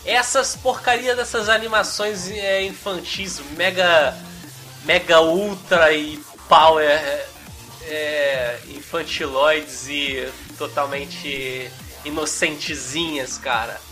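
Bright-voiced Brazilian man ranting. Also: fairly high pitch, slow pace, soft background music. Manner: animated, rambling, fillers of "cara". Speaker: podcast host. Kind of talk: casual chat.

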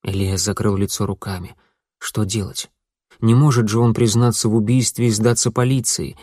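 A man's voice: fairly low pitch, steady tone, normal speed, a little mellow, no echo. Man reading an audiobook, dry sound. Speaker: audiobook narrator. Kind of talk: scripted audiobook narration.

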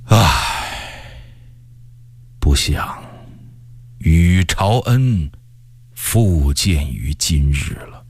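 A man's voice: low voice, very animated, a little slow, no room sound, pitched below the performer's own voice, heavily acted. A man voicing a proud, stubborn male army commander who speaks in a stern, scornful way. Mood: sighing. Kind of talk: storytelling character voice.

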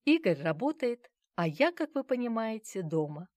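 Voiced by a woman, a poised young mother from an audiobook, cool and self-assured with dry amusement. Her delivery is animated and the sound is dry and close. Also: fairly high pitch, moderate pace, dry recording, voice pushed up. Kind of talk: audiobook character reading.

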